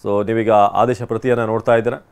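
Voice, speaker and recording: A man's voice: fairly low pitch, little pitch movement, fast talker, gravelly, a little mellow, slight background noise. A man delivering a spoken news report in a loose, conversational way, with fillers and restarts. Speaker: news anchor.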